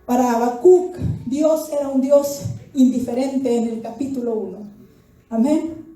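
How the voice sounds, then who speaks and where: A woman pastor delivers a fervent sermon, her voice high and mellow. She builds to impassioned cries. The sound is echoey and distant, as if picked up from far back in a large church hall. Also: fairly even intonation, a little slow. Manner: preaching fervently, often rising to cries. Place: church sanctuary.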